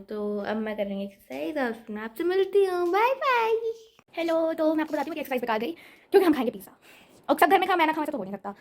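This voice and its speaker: A teenage girl, chatting casually in a vlog into her phone camera, rambling and mixing in English. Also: high-pitched. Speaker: vlogger.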